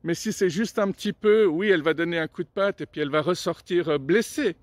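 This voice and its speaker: A high-pitched man talks briskly, casually telling jokes and little stories in a chatty, digressive way full of filler sounds. There's no echo on the recording.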